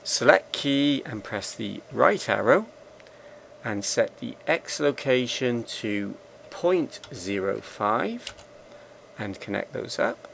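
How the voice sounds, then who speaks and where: A man narrating a software screencast tutorial, calmly giving slow step-by-step commands. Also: medium pitch, creaky, a little hiss or hum. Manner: slow, measured, instructional commands.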